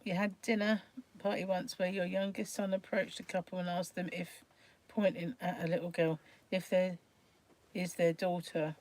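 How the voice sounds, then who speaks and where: A woman's voice: fairly low pitch, level tone, moderate pace, a little mellow. An older woman, hosting a live stream and telling family stories in a chatty way, laughing often between remarks. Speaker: livestream host. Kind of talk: casual anecdotal chat.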